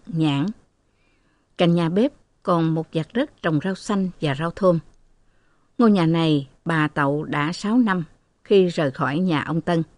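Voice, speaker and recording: A woman narrating a novel as an audiobook in a steady, even storytelling manner. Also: low-pitched, dry recording.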